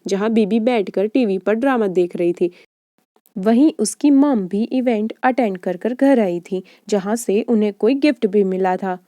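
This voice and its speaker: A woman's voice: mid-range voice, dark tone, dry recording. A woman narrating a romance drama recap in a chatty storytelling way, as a close-miked voice-over. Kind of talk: scripted narration.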